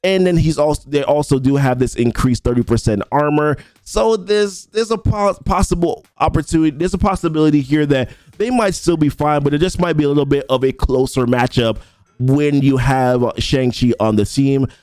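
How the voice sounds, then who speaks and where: Speaking at a moderate pace in a slightly high, darkish voice, a young adult man chats casually about a mobile game update in a dry recording. He creates mobile game content and reads patch note abilities aloud, rambling and restarting often.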